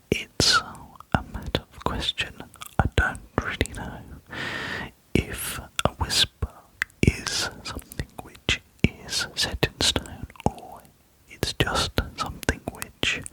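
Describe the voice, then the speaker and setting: A man whispering softly into a close binaural microphone, musing aloud and asking the listener rhetorical questions. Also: very high-pitched. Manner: very soft whisper, sometimes barely audible. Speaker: ASMR creator. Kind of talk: ASMR whispering.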